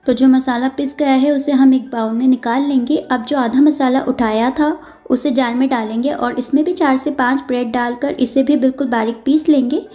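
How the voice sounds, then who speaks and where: A woman, host of a cooking channel, narrating a recipe step by step in a calm, instructive voice-over, repeating and clarifying each step. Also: high-pitched, moderate pace, faint music behind.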